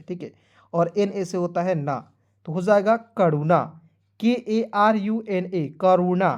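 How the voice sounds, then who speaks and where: Man slowly spelling words in a lesson. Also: sits high, darkish tone, highs cut off. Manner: repeats "friends" often, spells letters out slowly and drills. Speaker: teacher. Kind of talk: online lesson.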